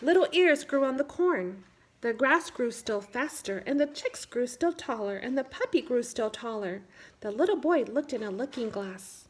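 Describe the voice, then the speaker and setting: In this picture-book read-aloud, an animated woman with a high voice narrates a children's story, keeping her delivery simple and measured so young listeners can follow.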